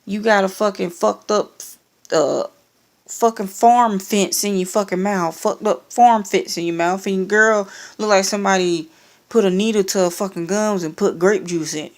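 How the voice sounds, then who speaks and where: A woman's voice: mid-range voice, normal speed. A young woman telling a personal story in a casual, profane and sarcastic rant, acting out the exchanges. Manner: profane, sarcastic, animated retelling with quoted exchanges.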